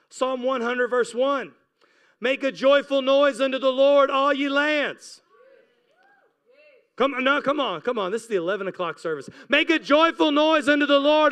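This man, a pastor in his forties, exhorts his listeners with passionate, repeated urging and readings from scripture, speaking into a handheld mic held close. The setting is an indoor church stage. His voice is very high with a fairly bright tone.

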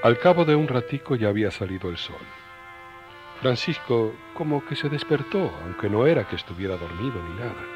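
Old-style radio serial narrator, actor, man, folksy storytelling, medium pitch, soft music behind. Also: expressive, fairly quick, highs cut off, close to an everyday voice.

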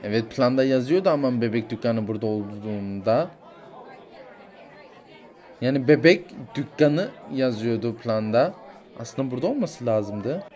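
A weary, heavily pregnant mother who sighs her way through every sentence, as a man voices her. The voice sits well below the performer's own, soft and put-upon, in a toy-figure story. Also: mid-range voice, lively intonation, normal speed, a faint crowd, pitched below the performer's own voice, lightly acted. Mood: tired. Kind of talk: toy figure play-acting.

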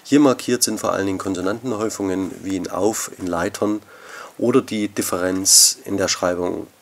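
A male lecturer with a low, gravelly voice works through slide examples in a measured academic tone. He addresses the listeners formally, as students in a course podcast. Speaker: university lecturer.

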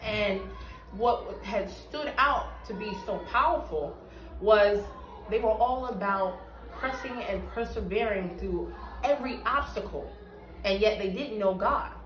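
A woman with a mid-range, slightly bright voice speaks at a measured pace, giving an earnest, emphatic church testimony in an interview. She sits in a small bare-walled room, and the distant camera mic picks up an echoey sound.

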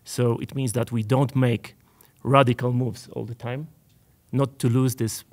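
Slow, halting man with a Polish accent. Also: mid-range voice, level tone. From Poland. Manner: halting, searching for words, with many fillers. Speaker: panel guest, ski maker. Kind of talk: panel talk. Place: stage before a live audience.

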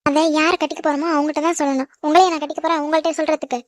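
A woman voicing a feisty, very fast-talking schoolgirl. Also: high-pitched, little pitch movement, no room sound, studio quality, natural voice. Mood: protesting. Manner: protesting, sharp-tongued. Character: feisty quick-tongued schoolgirl. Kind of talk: cartoon voice acting.

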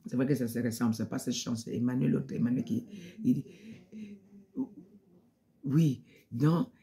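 A woman's voice: rumbling low, fairly even intonation, fast, creaky, warm tone. A woman giving an emotional spoken testimony in church, repeating phrases and sometimes dropping to a near-whisper.

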